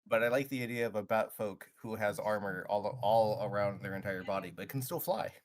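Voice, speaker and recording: A man's voice: fairly low pitch, brisk. A man playing in an online tabletop game who chats casually and thinks aloud as he plans. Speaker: player.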